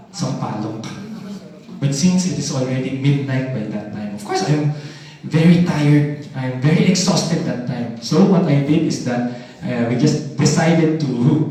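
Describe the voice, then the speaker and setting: Young male presenter, mellow tone, roomy distant hall sound, lively audience call-outs. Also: on the high side. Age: young adult. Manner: animated, audience call-and-response. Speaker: business development presenter. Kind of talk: stage product presentation. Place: large hall, heard from the mic at a distance. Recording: echoey hall from far off.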